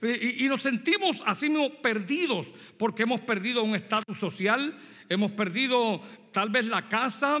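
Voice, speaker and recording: Recorded with long hall reverb, a man from Puerto Rico in his sixties preaches in a very high-pitched, sharp voice. His accent is Puerto Rican Spanish, and he tells a tale from his youth while directly questioning the congregation.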